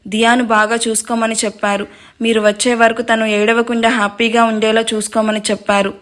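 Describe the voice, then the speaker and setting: Brief: woman voicing a terrified young wife in an audio story, crying, soft, begging, high voice. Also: level tone, a little fast, lightly acted. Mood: tearful. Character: frightened weeping young wife.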